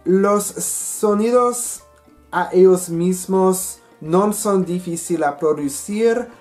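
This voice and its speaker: A woman vlogging as a language learner, with an Italian-influenced accent, speaking in a careful, deliberate way with pauses between phrases. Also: on the low side, a little mellow. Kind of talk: casual spoken vlog. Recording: faint guitar music behind.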